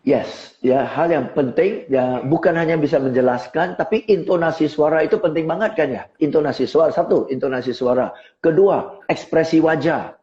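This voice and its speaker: A middle-aged man coaching on sales in a live online talk, lively and rhetorical, often asking listeners to agree. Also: fairly high pitch, normal speed, highs cut off. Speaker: seminar speaker and sales coach. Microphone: phone on a tripod.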